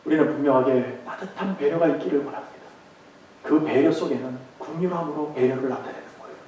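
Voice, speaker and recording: A male pastor preaches with emphasis and tells a story to make his point. His voice sits high. The sound comes from far off the mic in a strongly echoing sanctuary. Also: fast, a little hiss or hum. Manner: emphatic preaching, some passages told in a softer tone. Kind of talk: sermon with storytelling. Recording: echoey hall, far from mic.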